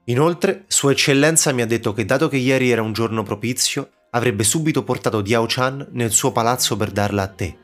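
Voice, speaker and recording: A man's voice: medium pitch, fairly quick, hardly any pauses, a bit bright, faint music behind, natural voice. A man voicing a cunning elderly male court minister who speaks courteously and persuasively. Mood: placating.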